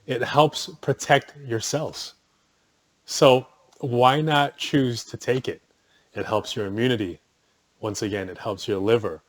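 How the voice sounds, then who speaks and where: A man's voice: mid-range voice, dry recording. A man giving a casual, conversational talk about a supplement. He corrects himself mid-sentence and adds offhand asides. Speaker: wellness vlogger. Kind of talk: casual product talk to camera.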